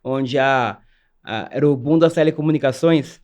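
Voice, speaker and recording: A man in his forties from São Paulo, telling his career story as a guest in an animated, brisk way. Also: medium pitch. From São Paulo, Brazil. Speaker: guest, cybersecurity executive. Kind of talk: casual interview storytelling.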